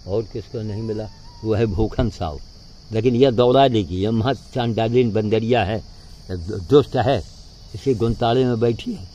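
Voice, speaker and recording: A man's voice: on the low side, measured pace, dark tone, a little hiss or hum. A man talking casually outdoors while feeding monkeys, coaxing them with repeated calls. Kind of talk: casual outdoor vlog chat.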